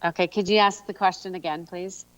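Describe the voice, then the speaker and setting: A woman's voice: fairly low pitch, fairly even intonation, brisk, fairly bright tone, no echo. A woman chairing a committee meeting in formal, procedural language. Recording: dull, dry meeting audio.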